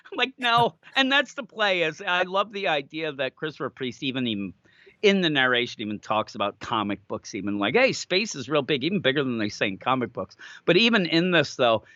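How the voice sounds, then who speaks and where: A man co-hosting a casual comic book review chat, animated and acting out character lines in quick voices. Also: on the high side, no echo, muffled recording. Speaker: comic book podcast co-host.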